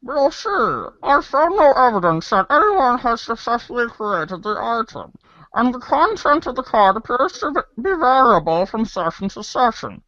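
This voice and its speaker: A woman with a slightly high, sing-song voice speaks at a moderate pace with a somewhat bright tone and no echo. She hosts and reads in a fan readers' theater, switching between acted read-along passages and casual asides. The audio is dull and lo-fi.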